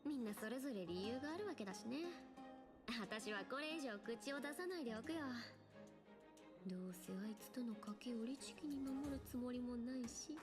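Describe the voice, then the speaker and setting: A woman's voice: a little high, moderate pace, over music, lightly acted. A woman voicing a sly, breezy young female treasure-loving thief in an anime game, with a casual, teasing, cocky delivery. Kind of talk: Japanese anime game voice acting.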